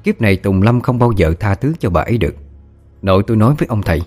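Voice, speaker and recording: A man tells a spooky tale as an audiobook, keeping his storytelling calm and even. His voice sits very low. Faint music plays behind him. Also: fast. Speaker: audiobook narrator. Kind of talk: storytelling narration doing all voices.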